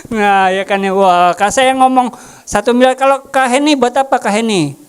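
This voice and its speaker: A woman's voice: fairly high pitch, unhurried, clear, resonant tone. A woman preaching a casual sermon, joking and asking the congregation questions. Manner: jokey, asks the congregation questions.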